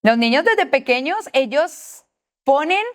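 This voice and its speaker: A woman's voice: high-pitched, animated, slow. A middle-aged Colombian woman with a Colombian accent giving an earnest church parenting talk, putting questions to her listeners. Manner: earnest, asks the audience questions. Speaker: parenting class teacher at a church.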